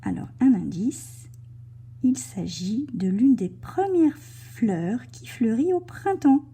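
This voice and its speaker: A woman teaching young children to write in cursive, slowly and gently describing each stroke as she writes and now and then dropping to a soft whisper. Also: fairly high pitch, big pitch swings, husky. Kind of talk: handwriting lesson for children.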